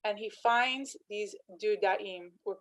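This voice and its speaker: A woman's voice: medium pitch, takes it slowly, faint music behind, poor audio. A woman teaching a lesson on scripture, retelling scenes with quoted dialogue and rhetorical questions. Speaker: Torah teacher.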